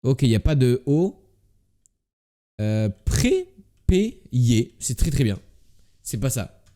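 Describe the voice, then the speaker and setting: A man's voice: medium pitch, big pitch swings, takes it slowly, mellow. A man with a slight lisp on his s sounds, doing casual live game commentary as a streamer and muttering repeated word guesses to himself.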